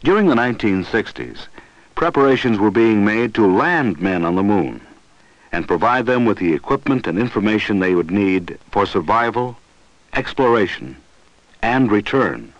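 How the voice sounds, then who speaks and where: Deep-ish man narrating an old 60s science film, formal, really animated intonation, muffled dry sound. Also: no room sound. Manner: formal, deliberate. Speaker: documentary narrator. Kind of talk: scripted 1960s educational film narration.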